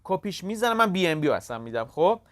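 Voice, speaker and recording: Tutorial host, casual and halting, mid-pitched, dry close sound, calls viewers kids and friends. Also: big pitch swings, fairly bright tone, dry recording. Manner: talks step by step, halting with frequent "uh" fillers. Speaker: crypto tutorial channel host. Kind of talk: casual screen-recorded walkthrough.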